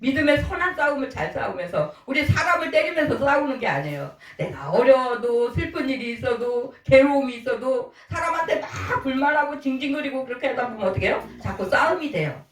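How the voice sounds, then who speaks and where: A middle-aged woman pastor gives a homely sermon to her congregation in a small church, voice pitched somewhat high. She keeps asking questions and answers them herself. She sounds distant, caught in the echo of the hall. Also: very animated, fairly quick, hardly any pauses, soft background music. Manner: conversational preaching with rhetorical questions and acted-out quotes.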